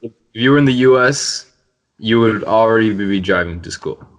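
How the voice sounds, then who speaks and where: A man's voice: lowish voice, normal speed. A young man, a university student, hosting a casual podcast chat and teasing his friends with jokes. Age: young adult. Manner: teasing, joking banter. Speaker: podcast host.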